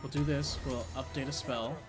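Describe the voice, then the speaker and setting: A man's voice: medium pitch, steady tone, normal speed. A man streaming a video game with casual live commentary, thinking aloud in short reactions. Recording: music behind the voice.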